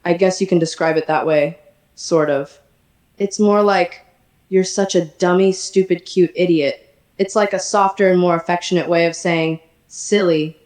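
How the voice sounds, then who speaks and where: A synthetic text-to-speech woman's voice playing a sassy, energetic female poodle chatbot, chatty and teasing. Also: lowish voice, moderate pace, roomy sound. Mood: playful.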